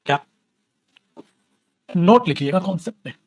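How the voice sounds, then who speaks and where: Animated male tutor with lively high voice. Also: moderate pace, a little hiss or hum. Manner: animated, teasing, calls students beta. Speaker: English grammar teacher. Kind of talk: classroom grammar lesson in Hindi.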